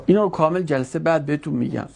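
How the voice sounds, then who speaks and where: A male teacher giving a classroom grammar lesson, quizzing students with quick questions and correcting them firmly. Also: fairly high pitch, creaky. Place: classroom with a board.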